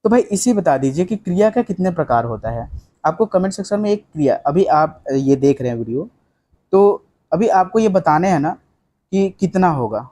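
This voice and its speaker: A young male coaching teacher runs an online exam-prep class, reading out quiz questions and asking his students for the answers. His voice sits slightly high but sounds soft and mellow. He talks casually, keeps saying "ठीक है" and drops in English phrases. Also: animated, moderate pace. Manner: conversational, fills with "ठीक है", quizzes students rhetorically, mixes in English.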